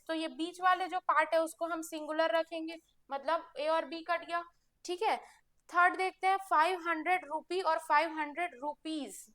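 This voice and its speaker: A woman's voice: extremely high pitch, bright, forceful tone. A woman teaching English grammar for exam prep, explaining step by step and answering her own questions.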